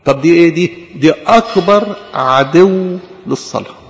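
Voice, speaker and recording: An Egyptian man preaches a sermon in a high, gravelly voice at a quick clip, acting out little back-and-forth exchanges and hammering words by repeating them. The sound is dull and lo-fi, carrying the long echo of a church hall. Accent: Egyptian Arabic. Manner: animated, acts out quick imagined dialogues, repeats words for emphasis. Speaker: priest.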